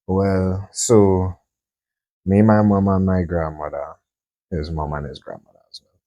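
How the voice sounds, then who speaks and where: A teenage sprinter talking casually about his running, in a relaxed, slangy way. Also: deep voice, a little slow, dry recording. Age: teens. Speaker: young sprinter guest. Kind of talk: casual interview chat.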